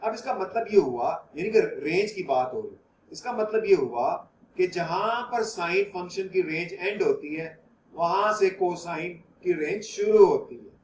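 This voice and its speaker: High-voiced man teaching math in Hindi. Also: expressive, measured pace, a little mellow, reverberant, slight background noise. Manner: patient, explains step by step, asks students if they follow. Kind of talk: online class lecture.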